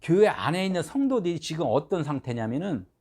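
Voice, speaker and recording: Male pastor, lively sermon voice, fairly high, keeps prodding the congregation with questions. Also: quick pace. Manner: conversational preaching with frequent rhetorical questions; animated, swings between loud and soft.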